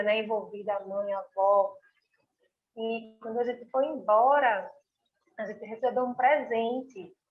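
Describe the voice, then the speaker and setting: Woman from Pernambuco, guest artist, animated and emotional, tag questions, high voice, muffled stream audio. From Pernambuco, Brazil. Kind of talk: live-stream conversation.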